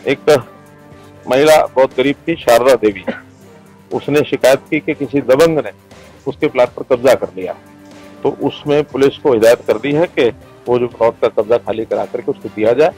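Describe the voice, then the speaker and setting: Man giving a measured press statement. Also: medium pitch, a little mellow, husky, faint music behind, rough recording. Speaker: official chairing a grievance meeting.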